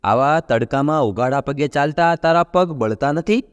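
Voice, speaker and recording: A man's voice: normal speed, clean tone, long reverb tail, lo-fi sound, lightly acted. A man doing a kind man calling out. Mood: gentle. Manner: calls out, raised and higher. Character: kind adult man on a scooter, caring.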